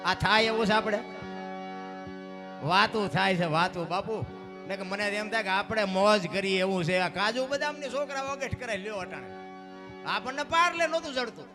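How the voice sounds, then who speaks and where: A man performs dayro folk storytelling from a stage, in a high-pitched voice. He swings between loud cries and hushed asides. Music plays clearly behind him. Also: lively intonation, normal speed. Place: stage program.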